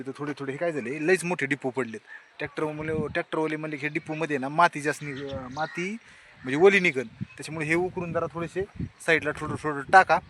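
A man's voice: on the high side, fairly bright tone, slight background noise. A man, chatting casually to camera as a vlogger on his farm and village road. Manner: chatty, talks to camera and family. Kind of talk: casual vlog narration.

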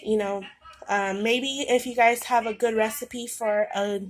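Her voice is slightly high, steady in tone and measured in pace. A vlogger with a daughter, she's indoors at home with a cold and blocked nose, filming groceries on her phone camera while rambling casually and saying um a lot.

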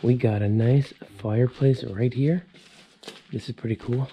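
A man in his thirties vlogs his way through an abandoned, fire-damaged house on a handheld camera, musing to viewers as an urban explorer. His mid-range voice holds a steady tone and runs a little slow, while the indoor recording has its highs cut off and carries a slight hiss or hum.

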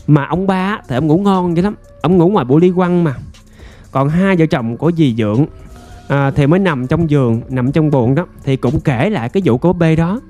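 A man tells a ghost story in a loose, chatty way, stretching out his phrases and filling them with small asides. His voice sits a bit high for a man. Soft music plays faintly behind him. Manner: chatty, drawn-out storytelling with many fillers. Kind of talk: casual ghost story narration.

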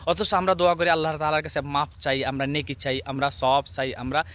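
A man giving an Islamic sermon video, earnest and emphatic, speaking straight to his viewers and slowly repeating Arabic words to teach how they are said. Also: fairly high pitch, little pitch movement, fairly bright tone. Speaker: religious speaker.

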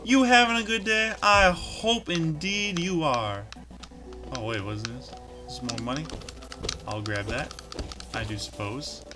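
A man's voice: a little high, unhurried, pauses often. A man hosting a casual let's play, commenting on his game in a goofy, jokey, self-mocking way at a desk microphone. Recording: game music playing underneath.

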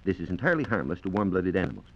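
Taken from an old transcription disc, this dull, band-limited recording with a little hiss or hum features a deep-voiced American science reporter on a radio program. He explains science in formal, scripted 1940s style, his pitch lively across measured sentences.

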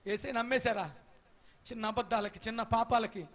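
A male pastor preaching an impassioned sermon, telling a story and building to shouted appeals. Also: extremely high pitch, steady tone, a little fast.

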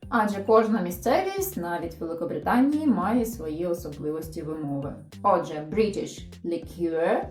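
Young female teacher, animated delivery, faint background music, slightly echoey room. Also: mid-range voice. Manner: clear, explanatory, lively teaching tone. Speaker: English teacher. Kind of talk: online reading lesson.

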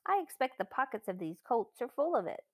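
A woman's voice: fairly high pitch, sing-song, a little fast, darkish tone, no room sound, pitched above the performer's own voice. A woman voicing a practical, slightly fussy elder sister in a storybook reading. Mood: complaining. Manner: fussy, practical, well-spoken. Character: sensible, practical elder girl.

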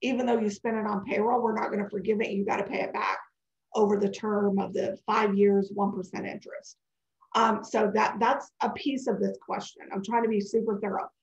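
A woman in her forties runs a live webinar over a webcam video call, chatting, digressing and answering questions. Her medium-pitched voice is gravelly, congested and scratchy, a little fast, with little pitch movement. The video-call audio sounds dull and echoey.

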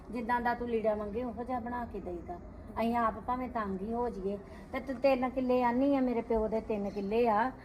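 An actress playing a middle-aged sister-in-law who scolds with indignant rhetorical questions, speaking Punjabi-accented. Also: female voice, on the high side, a little hiss or hum, natural voice. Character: sister-in-law defending her household, middle-aged woman. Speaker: actor in a family drama. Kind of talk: scripted short film acting.

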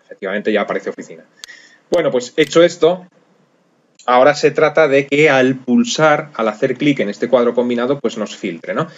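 Relaxed man explaining software. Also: medium pitch, moderate pace, lo-fi sound. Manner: relaxed, step-by-step explaining with frequent fillers. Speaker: software course instructor. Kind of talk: screencast tutorial narration.

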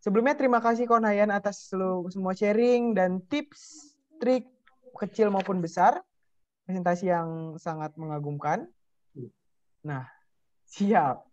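A woman moderates a webinar in a polite, formal way, with short handovers at a mid pitch. Her voice comes over dry, dull call audio. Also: unhurried, long pauses, a little mellow, no room sound. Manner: polite, brief. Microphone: video call.

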